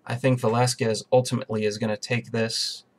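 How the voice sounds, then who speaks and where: A man's voice: medium pitch, level tone, brisk. A man hosting a podcast, chatting casually about upcoming fights, rambling and correcting himself as he goes. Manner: rambling, self-correcting, talks to listeners as guys. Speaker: podcast host. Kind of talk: casual fight preview chat.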